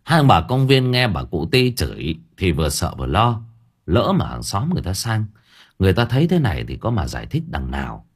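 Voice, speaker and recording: A man narrating a comic supernatural audiobook in a lively, colloquial way. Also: on the low side, fairly quick, slightly rough. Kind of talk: storytelling narration.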